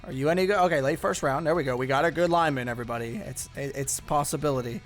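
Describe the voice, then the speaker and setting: A young man talks his way through a football video game in a loose, rambling way, full of fillers and restarts. His voice sits a little higher than most men's. Faint guitar music plays quietly under him. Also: very fast. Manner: rambling, thinking aloud with many fillers. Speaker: gaming YouTuber. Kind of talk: casual gameplay commentary.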